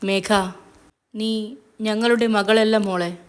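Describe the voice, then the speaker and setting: A solemn middle-aged father who chooses his words slowly and holds back sorrow, voiced by a woman narrator. The delivery stays level and restrained, close to her own plain reading voice, in a storybook telling. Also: medium pitch, flat delivery, a little mellow, natural voice. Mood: sorrowful. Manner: slow, grave, restrained.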